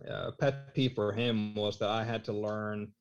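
A man in his thirties from Norway, a podcast guest chatting casually, talking in halting phrases with many fillers. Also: fairly low pitch, level tone, clean tone. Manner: halting, lots of fillers and restarts. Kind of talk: casual chat. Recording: slightly dull lo-fi sound.

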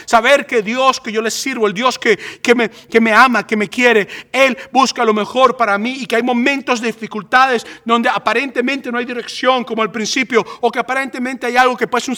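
A male preacher delivers a passionate sermon. His voice sits high for a man and rings bright and forceful. He swells to emphatic peaks. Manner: impassioned, rising to emphatic peaks.

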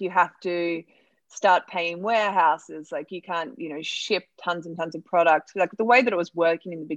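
A woman's voice: on the low side, no room sound, lo-fi sound. A woman from Australia, a startup founder, talking candidly in a podcast interview with many fillers.

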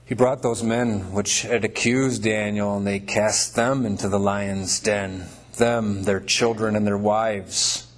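A man's voice: fairly low pitch, steady tone, slow pace, hardly any pauses. A man preaching a sermon in a church, breaking up scripture readings with folksy, conversational asides. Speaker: pastor. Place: church before a congregation.

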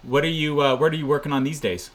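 Unhurried podcast host asking questions. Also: mid-range voice, fairly even intonation. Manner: unhurried, hesitant questions with fillers. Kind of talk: podcast interview.

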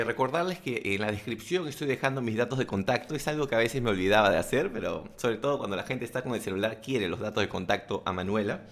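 A man talks straight to camera, handing out self-help tips. He is blunt and slangy, with animated asides. His voice sits at an ordinary mid pitch. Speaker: self-help vlogger and coach. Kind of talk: motivational talking-to-camera monologue.

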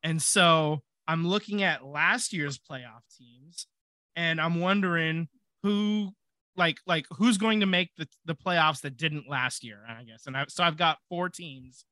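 Bright-voiced man chatting about sports. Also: a little high, measured pace, dry recording, studio quality. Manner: thinks aloud with fillers and restarts. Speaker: podcast co-host. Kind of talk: casual sports chat.

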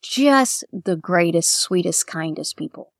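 A woman's voice: fairly low pitch, a little slow, dry recording, studio quality. Chatty middle-aged Kentucky woman, heartfelt. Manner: chatty, heartfelt, quotes others in lively voices. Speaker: bridal shop owner and dress designer. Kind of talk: casual interview.

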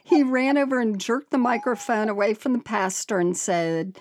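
A woman's voice: fairly high pitch, animated, moderate pace, a little mellow, slight background noise. A woman podcast co-host reading a listener's story aloud, often breaking into laughter and exclamations.

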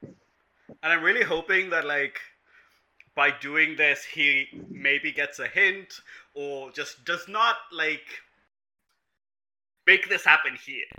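A man's voice: a little high, slow, pauses often, bright, forceful tone. A man playing a tabletop game, thinking aloud about his character's move. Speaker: player. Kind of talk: casual chat while playing.

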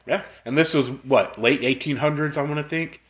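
A man's voice: on the high side, normal speed. A man co-hosting a casual podcast chat, wry and joking, laughing often. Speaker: podcast co-host. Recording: dull lo-fi podcast audio.

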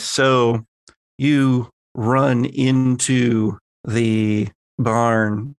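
A man serves as game master for a horror tabletop roleplaying game, improvising scene descriptions in a conversational way. His mid-range voice has vocal fry, and there's no echo.

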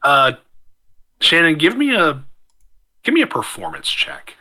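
A man with a very bright, forward voice, slightly high in pitch, hosts a tabletop game as game master. He talks casually, moving between narration and wry, dry teasing of the players. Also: wildly swooping pitch, measured pace. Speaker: game master and show host.

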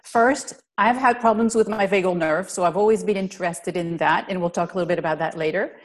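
A Belgian woman who works as a physical therapist and riding instructor presents a webinar over a video call. Her lowish voice is a little fast, and she explains earnestly, listing things step by step.

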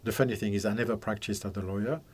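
Older male guest in his 70s, from Algeria and France, low voice, rambling and laughing as he chats in a studio. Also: racing, husky. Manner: chatty, rambling storyteller with frequent laughs. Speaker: guest, psychic counsellor. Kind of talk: casual interview chat. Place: podcast studio.

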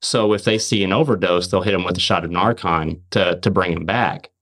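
The speaker is a male podcast host whose voice is deep with a fairly bright tone. Earnest and emphatic, he recounts his faith testimony quickly, restarting often and repeating words.

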